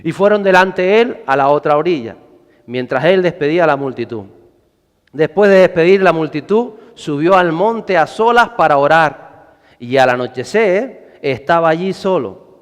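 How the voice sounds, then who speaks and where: A man preaching a sermon, animated, acting out scenes with shouts and character voices. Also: on the high side, clean tone. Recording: hall reverb.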